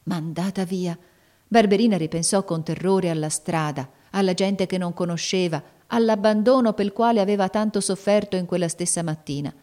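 A woman narrating a classic novel as an audiobook in a measured, steady manner. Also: fairly low pitch. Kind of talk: audiobook reading.

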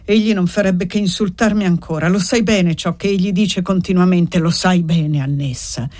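A woman's voice: lowish voice, moderate pace, darkish tone, no room sound, natural voice. A woman voicing a proud, desperate young man in an audiobook, reading with bitter passion. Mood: grim.

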